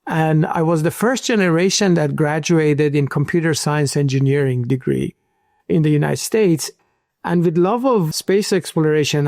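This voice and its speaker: Gravelly man in his sixties, from Iran. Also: a little high, a little mellow, no room sound, clean studio sound. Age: 60s. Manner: earnest storytelling with small slips. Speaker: guest entrepreneur. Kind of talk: interview answers.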